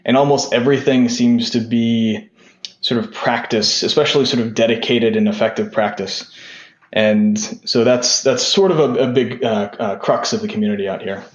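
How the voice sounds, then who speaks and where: A young man speaking as a podcast guest in a casual, meandering way that leans on filler words. His voice sits at an average pitch and sounds roomy. The sound is dull and lo-fi. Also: fairly even intonation, normal speed. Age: young adult. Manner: rambling, lots of "sort of" and "like" fillers. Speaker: podcast guest, tech founder. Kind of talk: casual interview talk.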